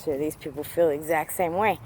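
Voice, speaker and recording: A woman's voice: low-pitched, steady tone, a little fast, darkish tone, slight background noise. A woman vlogging while walking through a cemetery, ranting heatedly and swearing a lot. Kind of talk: casual walking vlog. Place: outdoors in a cemetery.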